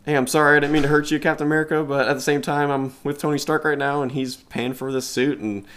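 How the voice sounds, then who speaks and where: A man voicing a cocky, apologetic teenage boy superhero who makes quick jokey quips. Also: a little high, level tone, a bit bright, pitched above the performer's own voice, close to an everyday voice. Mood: cheeky.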